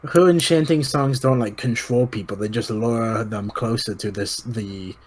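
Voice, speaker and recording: A man's voice: mid-range voice, a little slow, darkish tone, poor audio. A young man chatting casually as co-host, hesitant and thinking aloud with fillers. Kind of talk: casual chat.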